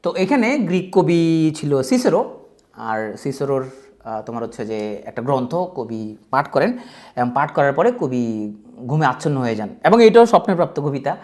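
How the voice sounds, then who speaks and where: A man with a Bangladeshi Bengali accent teaches an exam-prep lesson in a loose, colloquial way, dropping self-mocking jokes as he goes. His pitch swings widely, rising and falling through each explanation, and he talks to his students directly. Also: very animated, normal speed, a little mellow. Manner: chatty, joking, colloquial, addresses students directly. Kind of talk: casual exam-prep lecture.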